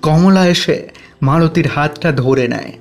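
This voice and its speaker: A male storyteller reading a village horror audio story in a dramatic, measured delivery. His voice sits somewhat high for a man, with faint music playing behind it. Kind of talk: scripted horror story narration.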